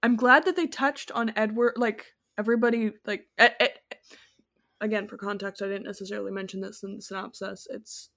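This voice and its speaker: A podcast co-host chats casually about a movie in a brisk, gravelly, mid-range voice. She rambles and corrects herself along the way, tossing in animated asides.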